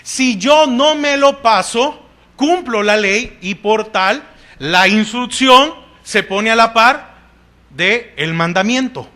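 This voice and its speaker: Preaching a church sermon in a Salvadoran Spanish accent, this man speaks slowly and expressively in an extremely high, pushed, bright voice. He poses questions to the congregation and answers them, peppering his words with "amén."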